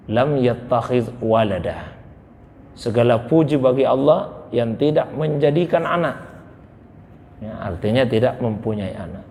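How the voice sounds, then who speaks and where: A man giving a Quran exegesis lesson in a mosque, reciting Arabic verses slowly and then explaining them in plain, calm speech. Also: mid-range voice. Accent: Indonesian. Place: mosque hall. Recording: long reverb in a mosque hall, faint noise.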